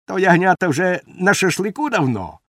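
A man voicing a sly, menacing male sorcerer who speaks low and drawls mockingly. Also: big pitch swings, moderate pace, a bit bright, no echo, studio quality. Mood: gloating.

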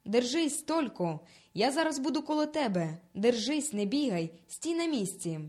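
A fearless, bossy village boy barks urgent orders in a raised, higher voice, as a woman reads him out of a storybook. He sounds firm and in charge, never unsure. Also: sing-song, moderate pace. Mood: commanding. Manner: commanding, urgent, pushed loud. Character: bold, bossy peasant boy on ice.

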